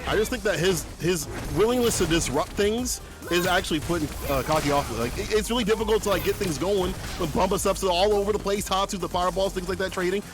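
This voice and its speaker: A man commentating a live fighting game tournament, joking and excitable in his play-by-play. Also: sits high, quick pace, hardly any pauses, over music. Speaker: esports commentator.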